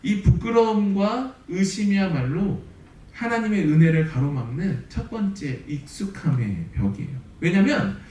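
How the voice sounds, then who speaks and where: A man's voice: sits high, unhurried. A man pastor preaching a sermon, telling the story vividly and acting out the voices of the people in it. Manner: animated storytelling, acts out quoted voices. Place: church sanctuary. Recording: roomy sanctuary sound from a distant mic.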